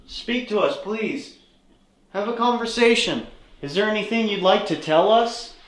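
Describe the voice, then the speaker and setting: A young ghost hunter speaks into the dark in a hushed, low tone, his voice sitting fairly high. The sound bounces around a bare, echoey room inside an old building. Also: expressive, measured pace. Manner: addresses spirits in a low, hushed tone. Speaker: paranormal investigator. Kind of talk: ghost-hunting vlog.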